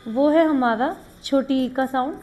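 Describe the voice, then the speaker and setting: A woman's voice: high-pitched, a little slow, warm tone. A woman teaching shorthand, explaining rules step by step and mixing English terms into Hindi. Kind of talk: classroom lesson.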